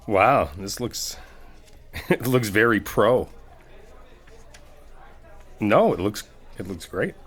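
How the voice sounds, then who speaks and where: An audio roleplay performer with a lowish voice acts as a supportive, easygoing male best friend giving a pep talk in a casual ASMR comfort roleplay. Speaking as if to one listener, he sounds encouraging and curious, conversational and reassuring, and tends to rephrase hesitantly.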